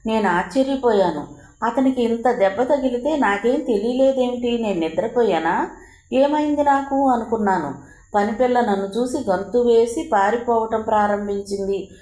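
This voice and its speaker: A woman narrating a novel as a first-person letter, in a measured and emotive reading style. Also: fairly high pitch, warm tone, echoey room. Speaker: audiobook narrator.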